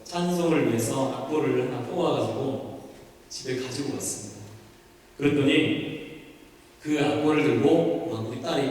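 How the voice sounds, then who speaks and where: A male pastor telling a story during a sermon, repeating his words and trailing off as he goes. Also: mid-range voice. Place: church sanctuary. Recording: echoey church hall, mic from far off.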